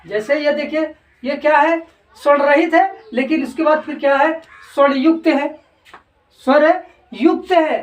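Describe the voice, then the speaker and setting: A woman teacher giving a grammar lesson, speaking deliberately and answering her own repeated questions. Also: sits high. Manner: slow, repetitive, keeps asking and answering her own questions. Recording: echoey room, voice from a distance.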